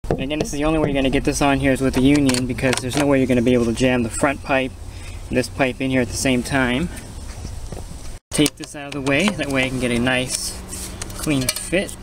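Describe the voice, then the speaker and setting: A pool equipment installer hosts a how-to tutorial, narrating casual, plain-spoken step-by-step instructions while working hands-on at a small backyard equipment pad. His mid-range voice is fairly even and fairly quick, and the outdoor recording has clear ambient background noise.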